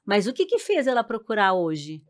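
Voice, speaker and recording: A woman, a speech and hearing therapist, explaining hearing loss on a podcast in a measured way, often adding "né?" tags. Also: medium pitch, big pitch swings. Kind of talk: explanatory guest chat.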